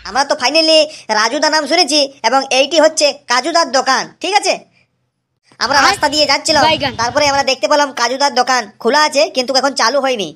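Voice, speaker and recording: In a comedic spoof of a vlog, a cheeky cartoon boy speaks rapidly in a high voice straight to his audience. Excitable and talkative, he keeps saying things over again.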